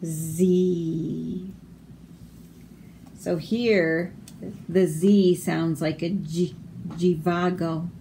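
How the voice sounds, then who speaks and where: A woman teacher reading a picture book aloud to young children, explaining each word slowly and carefully. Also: fairly low pitch, steady tone, dark tone, slight background noise. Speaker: elementary school teacher.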